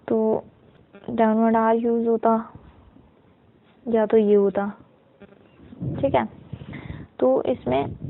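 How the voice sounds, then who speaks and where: A woman shorthand teacher talks slowly and patiently in a fairly high voice. She sounds words out syllable by syllable and keeps pausing to check in with the class. The audio is thin and tinny, like a phone line. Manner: slow and patient, checks in with "ठीक है"; mixes Hindi with English terms. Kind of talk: step-by-step lesson. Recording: tinny narrow-band audio.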